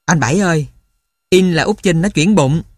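A man reading a story and voicing a soft-spoken, tactful young woman nurse. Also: fairly high pitch, normal speed, no echo, clean studio sound, close to an everyday voice. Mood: hushed. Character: gentle young female guerrilla nurse.

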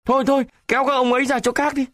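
Fretful passengers break up a brawl, pleading in high, strained voices as a male storyteller voices them. It sounds like a dry, close reading. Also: level tone, rapid-fire, fairly bright tone, dry recording. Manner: pleading, fussing. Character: flustered fellow train passengers.

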